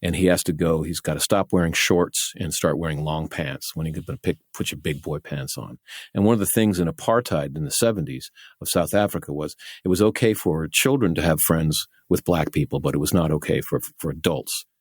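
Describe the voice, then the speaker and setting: A man co-hosting a podcast, telling a story in a casual, animated and self-mocking way, laughing often. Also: a bass voice, a little fast, dry recording, clean studio sound. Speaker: podcast co-host and actor.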